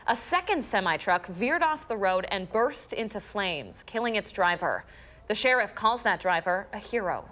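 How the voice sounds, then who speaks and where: A woman anchoring morning news, reading stories in a measured, steady way. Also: medium pitch.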